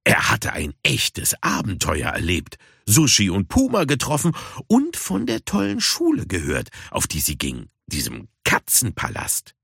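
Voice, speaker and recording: A man reading a children's storybook aloud in an expressive, unhurried way. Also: lowish voice, creaky, slightly rough, no room sound, clean studio sound. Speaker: audiobook narrator.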